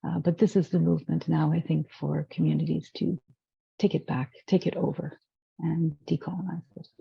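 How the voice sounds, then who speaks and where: A man speaking as a panelist in an online discussion, reflective, with a gravelly voice. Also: a little high, flat delivery, moderate pace, no room sound, lo-fi sound.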